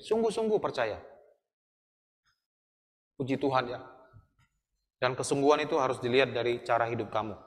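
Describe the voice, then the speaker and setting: A man's voice: mid-range voice, sharp tone. A man with an Indonesian accent, teaching a Sunday school sermon to young people in an earnest, admonishing way. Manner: earnest, admonishing, asks the listeners questions. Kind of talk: sermon to youth. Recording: long hall reverb.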